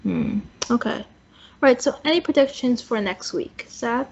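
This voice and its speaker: A woman hosts a casual TV recap chat in an easygoing way, hedging with "um" and "I guess." Her voice is a little higher than average. The sound is muffled and lo-fi. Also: lively intonation, a little slow, vocal fry, a little mellow, breathy edge. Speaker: podcast host.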